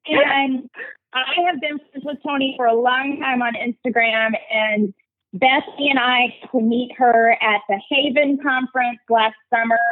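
A woman from Chicago co-hosting a podcast, bubbly and excitable in casual chat. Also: on the high side, no echo, narrow, tinny audio. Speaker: podcast co-host.

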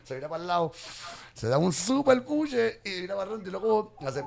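A Puerto Rican man co-hosting a podcast who tells a story in rapid slang and swears constantly. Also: high voice, very animated, creaky, a little mellow. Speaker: podcast co-host. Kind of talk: casual podcast banter and storytelling. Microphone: studio microphone.

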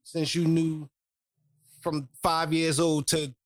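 A man's voice: fairly high pitch, level tone, takes it slowly, no echo. Man, middle-aged, crackling distorted mic, insistent debater, dry close sound. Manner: insistent, keeps asking "you know what I'm saying". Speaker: podcast panelist. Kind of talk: heated casual debate.

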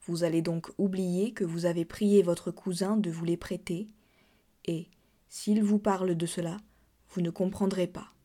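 A woman voicing a calm, commanding doctor. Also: fairly low pitch, unhurried. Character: composed male doctor, calm and self-assured.

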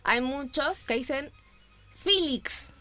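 A woman's voice: on the high side, lively intonation, a little slow, fairly bright tone, faint music behind. A woman with a Rioplatense Spanish accent, hosting a playful radio segment that teaches how to say sports names, spelling out sounds and quizzing her co-hosts. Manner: teacherly, spells out sounds and asks quiz questions. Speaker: sports pronunciation columnist. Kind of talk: playful didactic radio chat. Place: radio studio.

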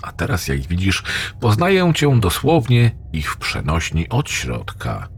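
A man voicing a gloating, crude male AI demon in a horror story reading, with a rough, mocking voice. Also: unhurried, a little hiss or hum, full character voice. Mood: menacing. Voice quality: rough, ugly, abusive voice. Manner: taunting, lewd, lively pitch swings.

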